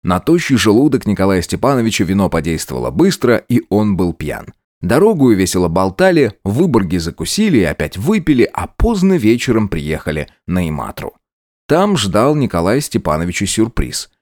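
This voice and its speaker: Brief: male audiobook narrator, slightly low, lively intonation, dry close mic. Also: dry recording. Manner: measured, expressive reading. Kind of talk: scripted narration of a crime story.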